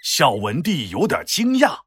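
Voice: medium pitch, wildly swooping pitch, a little slow, fairly bright tone, breathy edge, no room sound, clean studio sound. A playful, exaggerated storyteller host narrating a scripted history tale for children.

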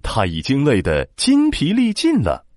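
A man narrating a children's story in an animated, expressive storytelling manner. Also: medium pitch, measured pace, dry recording, clean studio sound.

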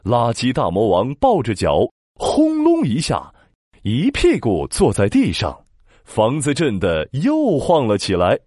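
A man narrating a children's story in a dramatic, expressive storytelling manner. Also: medium pitch, measured pace, husky, no room sound, studio quality. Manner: dramatic, expressive, with sound-word emphasis.

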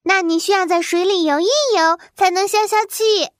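A woman's voice: steady tone, normal speed, no echo, studio quality. A woman voicing small, sweet storybook animals, a fish and a bunny. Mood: delighted. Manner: squeaky, delighted. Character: tiny cheerful fish and bunny, sweet and eager.

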